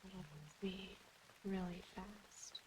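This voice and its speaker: A woman doing soft-spoken gaming ASMR who drifts between gentle speech and unvoiced whispers, thinking aloud and sounding tired. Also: mid-range voice, completely flat delivery, slow pace, slight background noise, low-quality recording. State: tired, yawning. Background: faint rain ambience.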